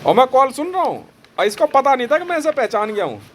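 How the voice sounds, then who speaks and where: A man telling a dramatic story in a boastful, animated way, quoting the dialogue as he goes. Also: extremely high pitch, quick pace. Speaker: vlogger recounting phone calls.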